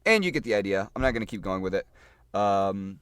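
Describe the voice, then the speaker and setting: A man with a lowish voice walks through game tactics in a loose, chatty way, repeating phrases and thinking aloud as he plays. The sound is dry and close, with no room echo. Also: lively intonation, a little fast, fairly bright tone, smooth. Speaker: gaming guide creator. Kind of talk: casual gameplay tutorial.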